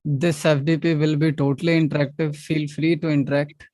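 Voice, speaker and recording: Man, North Indian accent, slightly high pitch, dry recording, online trainer, interactive teaching, repeated instructions. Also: little pitch movement, brisk, darkish tone, dry recording. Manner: repeats instructions, checks in with short questions.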